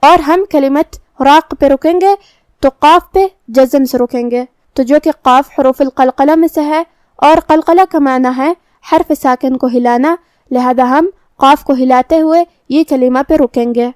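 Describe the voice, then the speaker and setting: A woman with a Pakistani Urdu accent calmly explaining Quran recitation rules step by step in a tajweed lesson. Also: sits high, no echo.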